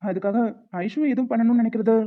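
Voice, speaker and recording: A woman voicing characters in an animated story, talking in an earnest, reasoning way. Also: fairly high pitch, fast talker. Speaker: narrator voicing the male lead and others. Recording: tinny phone-like sound.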